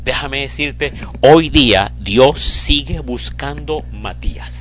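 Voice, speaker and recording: A man preaching a fiery sermon, swinging from hushed, almost whispered lines to tearful shouts. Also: mid-range voice, takes it slowly, faint music behind.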